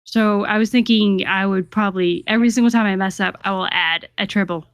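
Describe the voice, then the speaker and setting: A woman's voice: medium pitch, steady tone, brisk, clear, resonant tone, no room sound, clean studio sound. A young adult woman, a guest on a livestream, chatting casually and giggling at herself. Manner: giggly, chatty, self-deprecating.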